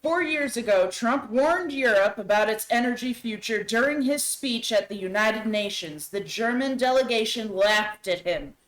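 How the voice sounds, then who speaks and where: A woman's voice: a little high, moderate pace, few pauses. Female co-host, casual commentary, emphatic quote reading; roomy, echoey recording. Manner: reads quotes aloud with animated emphasis. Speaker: podcast co-host. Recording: roomy echo.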